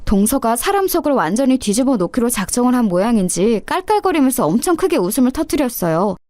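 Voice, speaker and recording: High-voiced woman narrating a story. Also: big pitch swings, quick pace, dark tone, no echo, studio quality. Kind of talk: first-person story narration.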